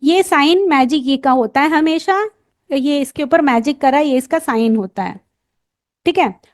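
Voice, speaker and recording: An Indian woman teaching phonics, sounding letters out slowly and quizzing the listener as she goes. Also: sits high. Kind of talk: lesson for parents and teachers.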